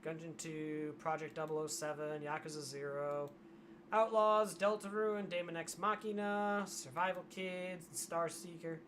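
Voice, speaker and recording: A hoarse streamer in casual livestream commentary, wry and grumbling, reading aloud from a web page. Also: medium pitch, fairly even intonation, a little slow, a bit bright, a little hiss or hum. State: losing voice, hoarse.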